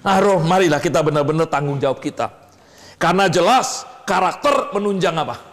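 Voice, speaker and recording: A preacher leading a discipleship class delivers a spirited sermon in an echoing hall, repeatedly asking the audience "betul tidak?" and waiting for answers. He is animated, shifting from high-pitched exclamations to quiet, low asides.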